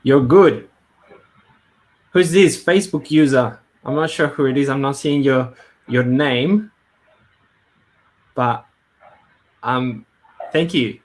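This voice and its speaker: A man's voice: mid-range voice, slow pace, pauses often. A man hosting a live webinar in a casual, hesitant way, with many fillers and restarts. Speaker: webinar host. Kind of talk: casual live-stream talk. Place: Brisbane.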